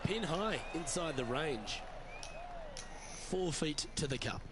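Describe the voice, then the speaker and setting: Male golf commentator for a sports game: slightly high voice, composed, measured broadcast play-by-play, heavy background noise. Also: lively intonation. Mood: composed, informative. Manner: measured broadcast delivery, describing holes and shots. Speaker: golf commentator, lead announcer.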